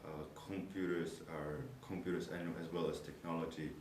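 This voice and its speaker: Young Czech man, very deep flat voice, nonnative English, picks words carefully, echoey room with background noise. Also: moderate pace. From Czech Republic. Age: young adult. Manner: thoughtful, searching for words, nonnative phrasing. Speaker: university student. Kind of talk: interview answers about his studies. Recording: echoey room, noisy background, mic far off.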